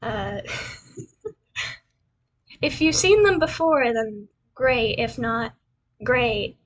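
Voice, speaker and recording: Rambling through a self-introduction over a slideshow, the young VTuber with a cute anime-style persona repeats phrases in a self-deprecating, casual way. Her voice is a little high and expressive, drawing words out, and the rough recording carries a slight hiss or hum.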